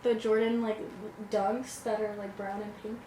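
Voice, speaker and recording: A woman's voice: mid-range voice, flat delivery, unhurried, noisy background. A young woman giggling tipsily as she chats casually through a makeup tutorial. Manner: giggly, tipsy. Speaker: makeup vlogger. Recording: echoey room with background music.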